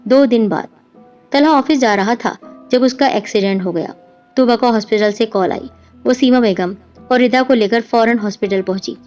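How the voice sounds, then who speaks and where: A woman narrating a horror story in a steady, scripted storytelling voice. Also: fairly high pitch. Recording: dull lo-fi with music behind.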